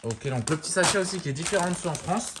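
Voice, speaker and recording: A man giving a casual show-and-tell of a lamp, talking in a relaxed, rambling way full of fillers and restarts. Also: on the high side, fast talker, background noise. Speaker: lamp collector showing a fixture.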